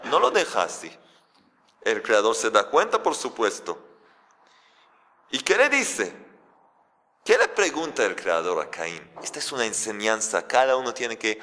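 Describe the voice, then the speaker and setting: A man's voice: fairly low pitch, fairly bright tone, long reverb tail. A man, a rabbi, preaching a sermon with rhetorical questions.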